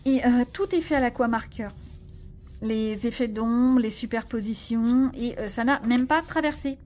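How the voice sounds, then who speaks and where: A woman's voice: on the high side, measured pace, a little mellow, a little hiss or hum. A woman vlogging casually about her coloring pages, rambling and joking at herself with lots of fillers. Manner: chatty, rambling, self-mocking, many fillers. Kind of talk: casual chat.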